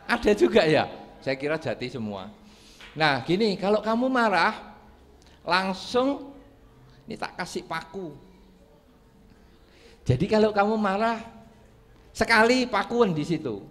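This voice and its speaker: A man's voice: sits high, animated, measured pace, pauses often, a bit bright. A man with a Javanese accent giving a Buddhist sermon, telling stories animatedly and acting out quarrels in different voices. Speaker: Buddhist monk giving a dharma talk. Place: large hall with audience. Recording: long hall reverb.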